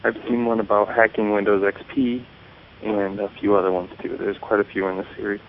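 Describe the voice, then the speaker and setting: An American man with a lowish voice hosts a tech show, explaining casually. He sounds thin and phone-like, with light hiss in the recording. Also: level tone, brisk. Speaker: host of a tech radio show. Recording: tinny phone-like audio, faint hiss.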